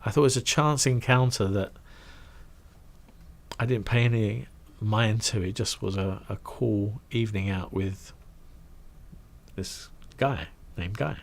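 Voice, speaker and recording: A middle-aged man telling a career story in a casual, animated way, acting out quoted voices and trailing into asides. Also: fairly low pitch, unhurried, vocal fry, pauses often. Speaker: guest recounting his career.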